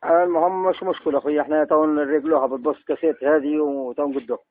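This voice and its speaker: A man's voice: a little high, steady tone, racing, dry recording. A man with an Algerian accent on a phone call, rambling and haggling to sell old goods, heard over a phone line. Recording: tinny dry phone line.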